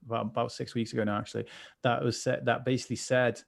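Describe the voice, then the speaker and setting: A man's voice: mid-range voice, level tone, fast, creaky. A man, a mental health coach, chatting earnestly on a livestream, rambling with many restarts. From United Kingdom. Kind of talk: casual conversation on a livestream.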